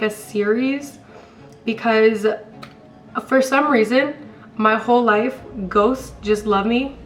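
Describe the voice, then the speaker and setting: A young American woman with a smoker's rasp, hoarse from being sick, telling stories in a casual, rambling, slangy chat. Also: a little high, a bit bright. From California, later Colorado, US. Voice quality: raspy, like a smoker's voice. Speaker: storytime vlogger.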